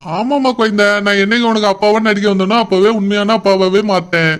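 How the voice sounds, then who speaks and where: A man plays a doting middle-aged father in a cartoon who comforts his daughter tenderly. His voice sits high for a man and sounds clean and smooth. He talks in soft, reassuring phrases. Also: fairly even intonation, brisk, close to an everyday voice. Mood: soothing. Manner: soothing, affectionate. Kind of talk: cartoon voice acting.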